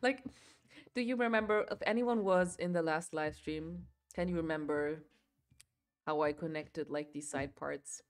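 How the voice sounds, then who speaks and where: A chatty young woman whose first language is German hosts a livestream, chatting casually while she crochets. She rambles, uses many fillers, and laughs often, speaking unhurriedly in a deep voice.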